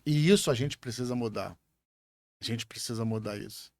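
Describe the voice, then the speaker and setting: A man's voice: mid-range voice, moderate pace, a little mellow, dry recording. A Brazilian man hosting a podcast, talking in a reflective, hesitant way as he thinks aloud. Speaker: podcast host. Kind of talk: casual podcast conversation.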